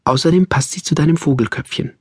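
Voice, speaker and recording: A man reading the lines of a kindly elderly woman doctor in an audiobook, gentle and murmuring. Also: a little high, fast talker, slightly rough, dry recording, clean studio sound. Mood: tender.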